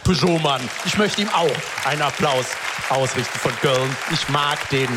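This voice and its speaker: This man's voice is fairly high and moves at a normal speed, cutting through a very noisy crowd. He's hosting a comedy show onstage before a live audience, doing stand-up storytelling and animatedly acting out the quotes of the people he describes.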